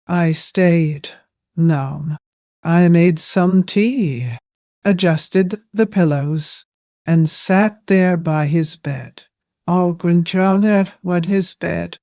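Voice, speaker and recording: An older woman tells a first-person story in an unhurried, hushed way. Her voice is mellow and dark, and the recording is dry and close, with no room sound. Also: on the low side, no room sound.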